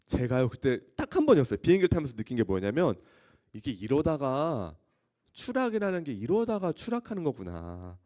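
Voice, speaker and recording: A man preaching a sermon as a youth pastor to high school students, telling stories with lively exclamations and questions to the audience. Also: brisk. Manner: animated storytelling, often asking the audience questions; acts out scenes with loud exclamations.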